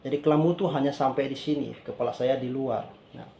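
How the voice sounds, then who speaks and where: A man in his thirties telling a personal faith testimony, often addressing listeners as dear brothers and sisters, growing animated as he tells the frightening part. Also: mid-range voice, a little fast, creaky, a little hiss or hum. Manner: repeats "dear brothers and sisters in the Lord", gets animated retelling the scare.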